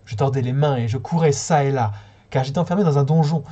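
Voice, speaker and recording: A man reading a short story aloud on a livestream, calm and steady with a few small slips. His voice is mellow and relaxed, with a slightly husky grain. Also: medium pitch, quick pace, lo-fi sound. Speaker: reader.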